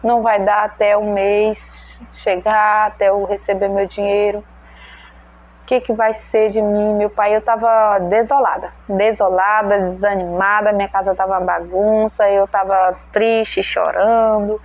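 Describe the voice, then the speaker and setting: A woman's voice: medium pitch, level tone, measured pace, dull audio. A mother retelling a personal religious testimony, emotional and prayerful, often voicing her own prayers aloud. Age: adult mother. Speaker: testimony speaker.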